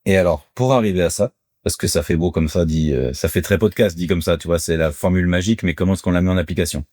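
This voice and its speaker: A man with a deep, mature-sounding voice, a podcast guest and salesman chatting casually and acting out sales pitches with lively energy. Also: fast, no room sound, studio quality. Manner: animated, lively storyteller who acts out sales pitches. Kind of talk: casual conversational interview.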